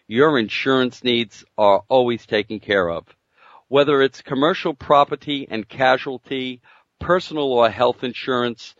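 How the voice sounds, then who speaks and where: A man reading a scripted insurance spot in a deliberate, measured way, with the muffled sound of AM radio. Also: mid-range voice, a bit bright, dry recording. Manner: reads the phone number slowly and deliberately. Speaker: ad announcer.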